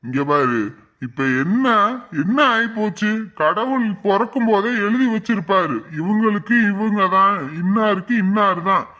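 High, bright man calmly reassuring. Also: unhurried. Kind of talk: dubbed family drama acting.

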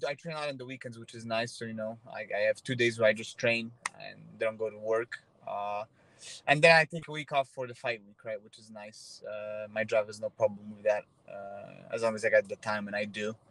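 Held at arm's length, a phone captures a low-quality recording of a Polish man in his thirties, a fighter whose native language is Polish, interviewed casually over video call from his parked car. He sounds relaxed, with a fairly low pitch at normal speed. His speech is full of fillers and restarts.

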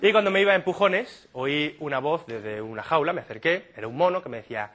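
A man from doing a stand-up comedy monologue, telling absurd stories in a deadpan way and slipping into quick silly impressions. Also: a little high, noisy background. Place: comedy stage before a live audience.

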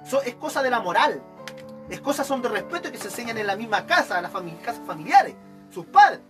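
A man's voice: very high voice, brisk, music in the background. A man with a Chilean accent preaching an evangelical sermon, acting out examples of churchgoers as he goes. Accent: Chilean Spanish. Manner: animated, acts out examples of church members.

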